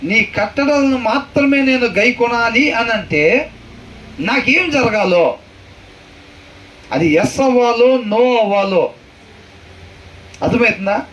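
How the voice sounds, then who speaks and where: A man teaching a Bible lesson as a pastor, questioning his listeners and repeating verses slowly. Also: very high voice, animated, fairly bright tone. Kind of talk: conversational sermon with questions to the room. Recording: far from the mic, faint noise.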